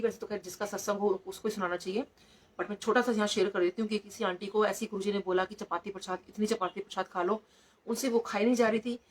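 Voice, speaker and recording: Husky middle-aged woman telling devotional stories. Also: medium pitch. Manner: storytelling, code-switching into English. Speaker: doctor sharing devotional experiences. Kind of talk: devotional testimony at a satsang.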